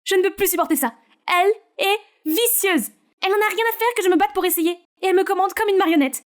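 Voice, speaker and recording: A worn-out teenage girl in an animated story, venting her frustration in quick, complaining bursts, as a woman narrator voices her. Her voice rides high. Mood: exasperated. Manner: exasperated complaining. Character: tired, put-upon teenage girl, frustrated.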